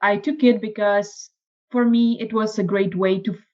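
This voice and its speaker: A woman with a Czech accent, a podcast guest telling her story in casual conversation, lively and acting out quoted lines. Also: moderate pace, highs cut off. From Czech Republic. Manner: animated, acts out quoted lines in a higher voice.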